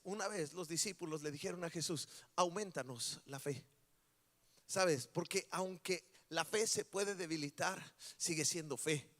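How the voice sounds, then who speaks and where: A man preaching a sermon, talking conversationally and swinging from soft passages to loud, emphatic peaks. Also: a little high, in a large hall. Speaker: pastor.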